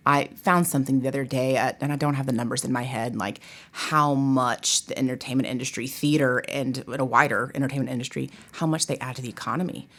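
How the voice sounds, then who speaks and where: A theater professor and director chats as an interview guest, casual, emphatic and full of asides, sprinkling in "you know" and "like." Her bass voice is fairly bright in tone and fairly even in intonation, and she talks fast with hardly any pauses.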